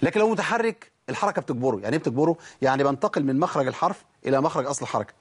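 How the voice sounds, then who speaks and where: In a recorded Quran recitation lesson, a man with an Egyptian accent asks questions and answers them himself, repeating words to show how the letters sound. His mid-range voice is expressive, rapid-fire, and slightly rough.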